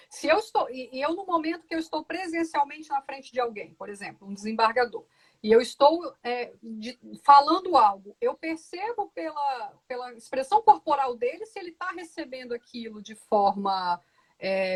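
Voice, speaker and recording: A woman who works as a law professor and lawyer answers interview questions in a measured, reflective manner, often closing phrases with "né?". Her voice is high, expressive, and husky.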